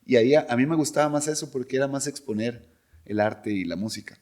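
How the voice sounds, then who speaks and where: Cantante costarricense contando anécdotas con soltura. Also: male voice, medium pitch, fast talker. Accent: Costa Rican. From Costa Rica. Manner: animated, imitates voices of people in his stories. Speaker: singer, podcast guest. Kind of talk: casual interview storytelling.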